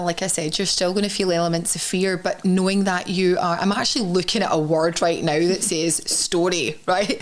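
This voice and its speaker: A woman co-hosting a podcast who speaks reflectively, thinking aloud with frequent pauses and fillers. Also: on the low side. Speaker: podcast co-host. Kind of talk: conversational podcast talk.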